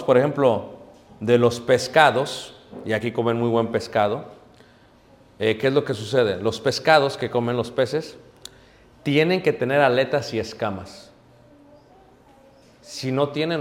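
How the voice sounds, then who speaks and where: Preacher joking in echoey hall. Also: male voice, medium pitch, unhurried, pauses often. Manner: storytelling, laughs at own jokes, addresses congregation. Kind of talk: humorous sermon with anecdotes.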